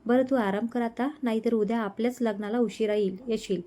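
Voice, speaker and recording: A woman voicing a tender, reassuring young man who speaks gently and unhurriedly to his fiancée. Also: on the high side, fairly even intonation, fairly quick, natural voice.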